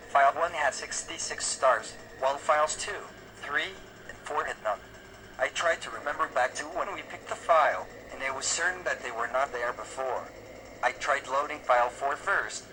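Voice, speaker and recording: A man's text-to-speech voice reading a scripted first-person story as a narrator. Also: mid-range voice. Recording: loud noise behind the voice.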